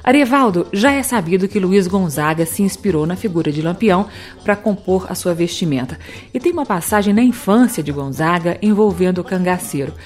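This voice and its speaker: A woman interviewer in a measured, formal manner, reading an introduction and asking a question. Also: fairly low pitch, expressive, a little mellow, faint music behind.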